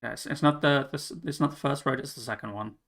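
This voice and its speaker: A man narrating as game master of a tabletop game, halting with fillers and restarts. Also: medium pitch, vocal fry, fairly bright tone.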